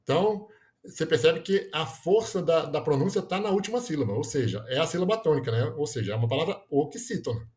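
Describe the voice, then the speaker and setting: Man teaching grammar, slightly high voice. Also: expressive, a little fast, a little mellow. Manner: explanatory, frequent "né?" tags, self-corrections. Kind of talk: grammar lesson.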